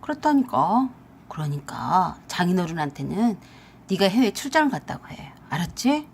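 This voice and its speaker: Woman doing a lower-voiced whiny scheming husband. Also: big pitch swings, moderate pace, creaky, a little hiss or hum. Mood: wheedling. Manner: wheedling, defensive.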